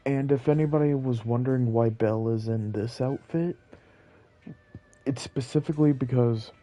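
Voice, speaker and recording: A man with a medium-pitched, dark-toned voice speaks at a moderate pace while streaming a game. His live commentary is casual, rambling and self-deprecating as he muses to viewers over the video game music.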